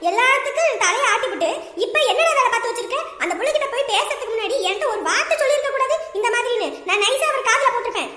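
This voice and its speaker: A woman's voice: very high-pitched, sharp tone, full character voice. A woman playing a bitter married daughter who sarcastically blames her family for her ruined life, in a comedy skit. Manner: scolding, accusing, sarcastic. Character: bitter wronged married daughter, sent away by her husband. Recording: echoey room with long reverb.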